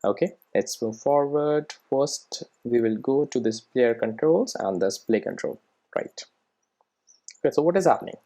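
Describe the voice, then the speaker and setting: A man works through an unscripted software tutorial step by step as an instructor, frequently tossing in short tag questions to make sure the listener is keeping up. His voice is medium in pitch, his intonation lively, and he takes his time.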